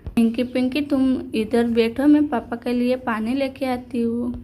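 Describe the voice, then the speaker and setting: A woman's voice: a little high, steady tone, unhurried, mellow, natural voice. A woman voicing a caring village mother in a doll story, in her own plain voice.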